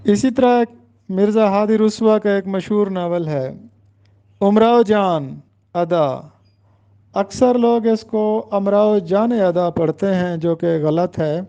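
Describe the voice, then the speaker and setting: A man teaching students in a lecture, slowly and carefully spelling out the right pronunciation of names. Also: high voice, warm tone, clean tone, muffled recording. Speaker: Urdu teacher. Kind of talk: exam-prep lecture.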